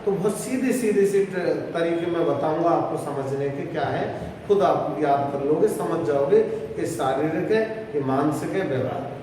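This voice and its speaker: A man's voice: fairly high pitch, normal speed, dark tone, a little hiss or hum. A male psychology teacher giving an exam-prep lecture, explaining step by step and checking in with rhetorical questions. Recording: echoey room, distant mic, faint background.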